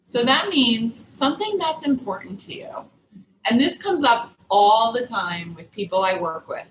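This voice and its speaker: A woman nutrition coach in a casual cooking demo, chatty and quick to laugh, with lots of "like" in her talk. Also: on the high side, expressive, slight background noise. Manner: chatty, laughs often, says "like" a lot. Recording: echoey room.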